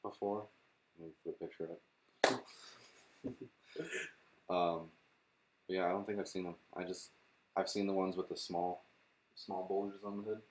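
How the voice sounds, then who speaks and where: A man's voice: sits low, level tone, unhurried, long pauses. A young man co-hosting a podcast, chatting casually and reading out facts with lots of fillers and the odd swear. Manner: laid-back, reads car facts with fillers and swearing. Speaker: podcast co-host. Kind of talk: casual chat.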